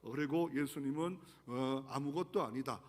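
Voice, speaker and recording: A man's voice: mid-range voice, normal speed. A man pastor delivering an earnest sermon, asking the congregation rhetorical questions. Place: large church sanctuary. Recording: long church hall reverb.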